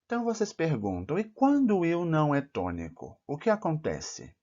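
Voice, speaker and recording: A man teaching plural rules in a careful lesson, saying each example word slowly and clearly. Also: on the high side, huge pitch swings, darkish tone. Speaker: Portuguese teacher. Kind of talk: slow, deliberate grammar lesson. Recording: dull, slightly lo-fi recording.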